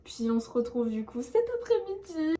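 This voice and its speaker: Chatty young woman with a higher voice. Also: big pitch swings, moderate pace, warm tone. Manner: chatty and gushing, full of fillers. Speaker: vlogger. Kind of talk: casual vlog chat. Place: at home indoors.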